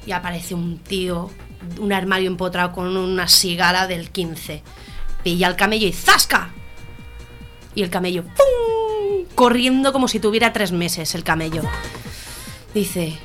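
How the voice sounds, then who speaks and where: A woman's voice: mid-range voice, a little slow, faint music behind. A woman co-hosting a radio comedy show, telling jokes and acting out the characters. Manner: animated joke delivery, acting out voices. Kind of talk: joke-telling radio banter.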